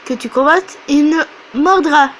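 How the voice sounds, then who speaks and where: A woman voicing a calm male guide who explains things patiently, a bit lower than her own voice. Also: measured pace, a little hiss or hum, low-quality recording. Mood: explaining.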